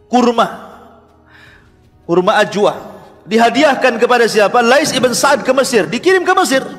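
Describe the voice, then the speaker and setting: A man's voice: fairly bright tone, big-room sound. A man preaching a storytelling sermon, mixing Arabic phrases into his speech and acting out the voices in his story. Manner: acts out quoted voices with pitch swings.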